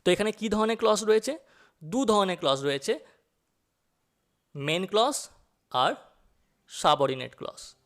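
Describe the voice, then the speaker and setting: A man teaching an English grammar lesson, speaking slowly and repeating key points for his students. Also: sits high, expressive, a bit bright. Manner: addresses students directly, asks them questions.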